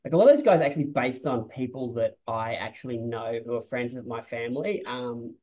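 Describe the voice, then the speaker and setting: Director, 40s, casual and rambling, webcam sound. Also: male voice, mid-range voice, fairly quick, dark tone, rough recording. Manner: rambling, restarts often, says "like" a lot. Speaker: film director. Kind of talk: casual interview on a video call. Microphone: video call webcam.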